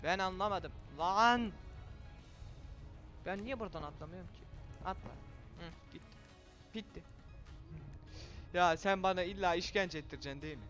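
A man casually commentating a video game for viewers, excitable and quick to shout and swear when frustrated. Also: high-pitched, soft background music. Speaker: gaming video host.

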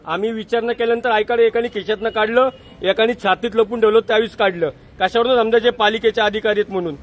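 A man's voice: sits high, steady tone, fast talker. A man, a citizen activist, aggressively interrogating officials and repeating his demands while filming on his phone outdoors. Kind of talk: heated street confrontation. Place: outdoors on a busy street. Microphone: phone camera filming live.

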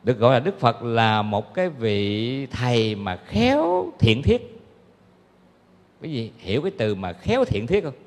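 A man giving a Buddhist dharma talk, telling stories in a conversational way with many fillers. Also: mid-range voice. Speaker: Buddhist monk teacher. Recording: long hall reverb.

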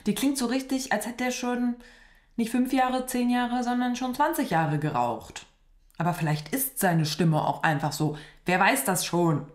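A woman's voice: on the high side, unhurried. Chatty, sarcastic young woman streamer. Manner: chatty, sarcastic, blunt slang. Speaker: reaction streamer. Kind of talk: casual reaction commentary. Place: small decorated studio room. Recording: roomy echo.

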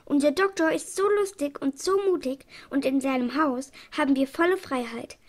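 A woman reading a loyal, excited monkey in a children's storybook, speaking eagerly. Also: high-pitched, normal speed, close to an everyday voice. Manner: eager and enthusiastic.

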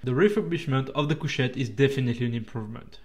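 In a mid-range voice carrying a French accent, this man, a native French speaker, talks through a report of his own train journey. He's a railway vlogger, easygoing and conversational, occasionally stumbling a little.

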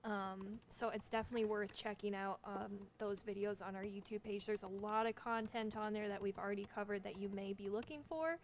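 A young woman co-hosting a workshop, demonstrating software in an easygoing, self-deprecating way with lots of ums. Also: medium pitch, steady tone, a little fast, few pauses, slight background noise. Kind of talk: casual instructional talk.

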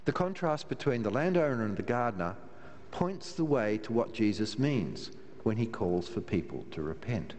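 An older Australian minister preaches a sermon from the pulpit of a large, reverberant church, measured and wry with slow, emphatic pauses. His voice is on the low side, animated and a little mellow, and the recording carries long church reverb and faint room hiss.

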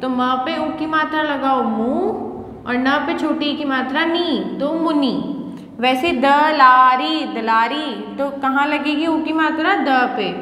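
Woman teacher for young kids, unhurried and syllable by syllable, faint background ambience. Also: high voice, fairly bright tone, a little hiss or hum. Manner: slow, patient, sounding out syllables; asks and answers her own questions. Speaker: school teacher. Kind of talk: online lesson for young children. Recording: echoey room, long reverb, faint ambience.

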